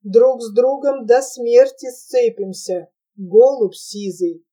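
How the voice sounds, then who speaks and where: A woman's voice: a little high, slow, warm tone, recorded from a distance. A woman voicing a passionate, possessive young woman in an audiobook, coaxing and tender. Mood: teasing. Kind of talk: audiobook character voice.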